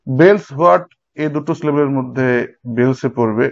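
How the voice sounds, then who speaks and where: A man's voice: medium pitch, brisk, vocal fry. A man teaching an exam-prep lecture, explaining step by step and speaking straight to his students. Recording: dull lo-fi recording.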